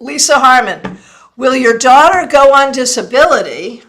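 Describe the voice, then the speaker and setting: Woman, high voice, hiccuping, chatty live-stream tarot host who keeps saying sorry. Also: lively intonation, a bit bright. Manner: apologetic, chatty, quick answers to viewers. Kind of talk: casual live-stream readings.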